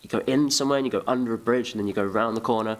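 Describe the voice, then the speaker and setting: A man's voice: medium pitch, rapid-fire, a little hiss or hum. A young man from England chatting casually in an interview, rambling and self-deprecating. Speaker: musician, interview guest.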